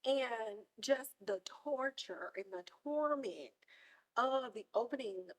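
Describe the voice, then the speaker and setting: A woman hosting a podcast, retelling a TV episode in casual chat and acting out the characters in big, excited bursts. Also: takes it slowly. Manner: animated storytelling, acts out characters with big high-pitched bursts. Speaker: podcast host.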